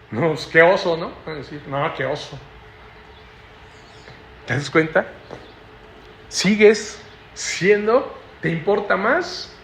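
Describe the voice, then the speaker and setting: A man preaches in a chatty sermon style, often asking his listeners short questions. His voice sits a little high for a man. A faint hiss runs under the recording. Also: bright, forceful tone. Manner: conversational preaching, tag questions, acts out quoted voices.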